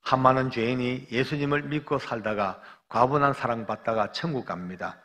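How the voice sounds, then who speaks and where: A man voicing a young condemned man who speaks gently and earnestly, in an echoey church hall. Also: mid-range voice, moderate pace, natural voice. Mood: calm.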